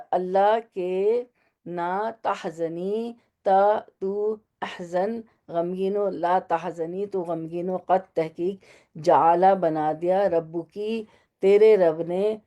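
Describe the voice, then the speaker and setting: A woman teaching a Quran lesson to women, explaining Arabic words slowly and asking her listeners questions. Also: mid-range voice, warm tone.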